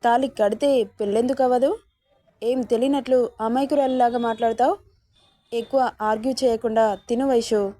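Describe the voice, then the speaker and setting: A woman's voice: on the high side, fairly even intonation, moderate pace, dark tone, dry recording, natural voice. A woman voicing a young woman friend who teases and scolds her friend into eating. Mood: teasing. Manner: bossy, teasing.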